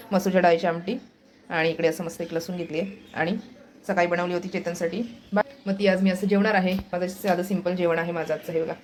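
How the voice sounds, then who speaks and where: A woman's voice: fairly low pitch, darkish tone, a little hiss or hum. A woman chatting casually and teasingly at home for her vlog, laughing often. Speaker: vlogger. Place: home indoors.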